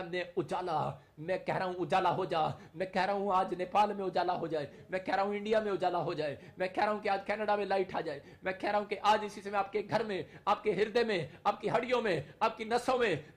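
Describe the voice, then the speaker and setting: A male pastor leading a fervent prayer sermon, calling out short repeated declarations for the congregation to say after him. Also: sits high. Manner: leads the audience in repeated call-and-response declarations.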